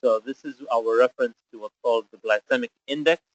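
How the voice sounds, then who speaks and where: Man from Zambia as webinar presenter, mid-pitched voice, methodical explainer with "uh" fillers, close and dry. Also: quick pace, no room sound, highs cut off. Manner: explanatory, step-by-step, frequent "uh" fillers. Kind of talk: webinar lecture.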